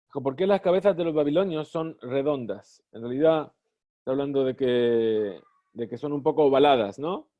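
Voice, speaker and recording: A man teaching a class, reading phrases of a text slowly and translating each one. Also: medium pitch. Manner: reads Hebrew phrases slowly, then translates. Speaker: Talmud teacher. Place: study hall. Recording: dull lo-fi recording.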